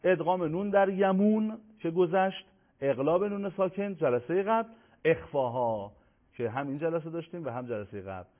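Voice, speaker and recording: Male teacher, measured tajweed lesson, slows down to recite examples; thin phone-like sound. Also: a little high. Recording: tinny phone-like audio.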